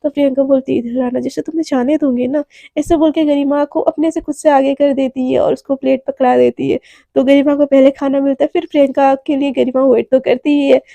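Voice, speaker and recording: A woman narrating a story in a loose, chatty way, filling her lines with little filler words. Her voice is high and mellow, recorded dry and close. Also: flat delivery, fairly quick, creaky, dry recording. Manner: chatty, uses many fillers. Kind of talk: casual spoken storytelling.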